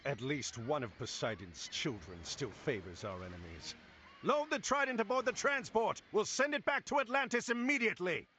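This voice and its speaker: A man's voice: high-pitched, very animated, normal speed, pushed and bright, a little hiss or hum, full character voice. An actor playing a heroic male admiral in a video game, speaking formally. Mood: commanding. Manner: formal, declamatory.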